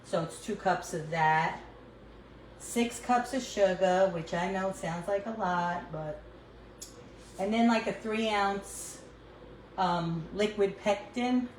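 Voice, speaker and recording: Cooking in her home kitchen, an older New York-accented woman chats with her livestream viewers and answers them as she goes, recorded on a phone. She speaks slowly in a mid-range voice, and the rough recording has room echo and slight background noise.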